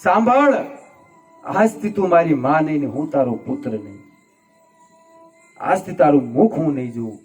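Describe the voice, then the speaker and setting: A man's voice: on the high side, big pitch swings, moderate pace, pauses often, faint music behind. A man voicing a young grieving prince who reproaches himself with tearful, impassioned pleading. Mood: anguished.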